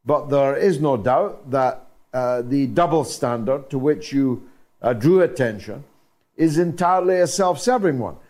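Older male phone-in host, slow, emphatic, middle-pitched. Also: lively intonation, darkish tone. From Britain. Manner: deliberate, many uh pauses, emphatic. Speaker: call-in show host. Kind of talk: radio phone-in talk.

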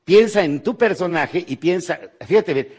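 A Mexican man giving a live motivational talk to an audience, joking and asking rhetorical questions, his voice jumping from loud bursts to quiet asides. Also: sits high, lively intonation, moderate pace, breathy edge. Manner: jokey, rhetorical, checks in with "¿sí?". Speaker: motivational speaker. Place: conference hall with live audience.

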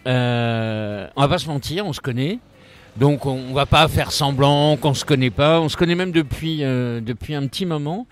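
A man's voice: mid-range voice, moderate pace. A man hosting a casual podcast interview, talking hesitantly with many fillers and restarts. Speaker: podcast host.

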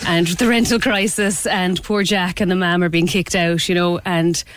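A woman from County Clare with a west of Ireland accent, chatting casually and colloquially as a guest in a radio interview, animated and self-deprecating. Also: fairly low pitch, normal speed, a little hiss or hum. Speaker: interview guest, improv performer.

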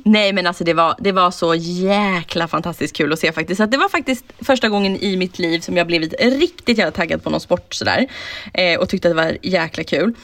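A woman co-hosting a podcast in casual chat, chatty and excitable, swearing casually as she talks. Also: lowish voice, dry recording. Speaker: podcast co-host.

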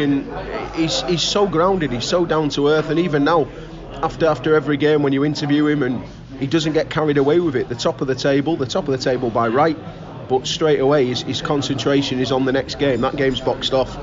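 A man's voice: a little high, steady tone, fairly quick, muffled recording. Keen radio footy guy being interviewed in a busy pub, emphatic, repeats himself, chatter all round. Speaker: local radio football commentator. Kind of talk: enthusiastic interview talk.

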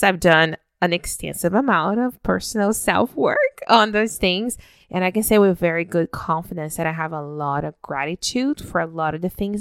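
Brazilian-born woman chatting about her book, lowish smooth voice, dry sound, laughs a lot. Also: dry recording. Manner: warm, laughs often. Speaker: author. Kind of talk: casual talk.

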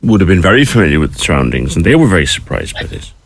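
A man's voice: sits low, very animated, very fast, breathy edge, dry recording. A man asking questions conversationally as an interviewer.

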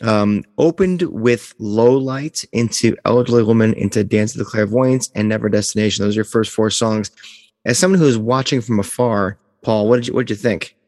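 Low-voiced man hosting a podcast. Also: moderate pace, darkish tone, no echo, studio quality, long reverb tail. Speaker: podcast host. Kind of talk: casual chat.

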